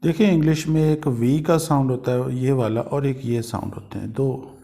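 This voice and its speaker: A male teacher from India giving a pronunciation lesson, slowly repeating each example word several times. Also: mid-range voice, vocal fry, mellow. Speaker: language teacher.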